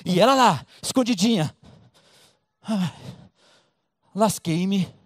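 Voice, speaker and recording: A man preaching a sermon with a Brazilian Portuguese accent, telling a story in a colloquial, lively way and acting out the voices. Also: sits high, slow pace, dry recording, clean studio sound. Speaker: pastor.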